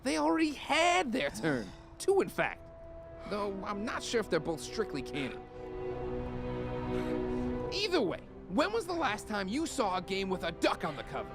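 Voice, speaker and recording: A man's voice: sits high, wildly swooping pitch, normal speed, creaky, heavily acted. A man voicing a cocky, grumbling talking duck hustler in a video game, with a wisecracking salesman's patter. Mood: scheming, indignant. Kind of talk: video game character dialogue. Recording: music behind the voice.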